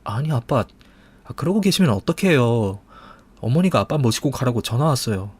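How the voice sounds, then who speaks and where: A man's voice: mid-range voice, big pitch swings, normal speed, husky, dry recording. A man voicing a young wife who sounds wronged, pleading and upset.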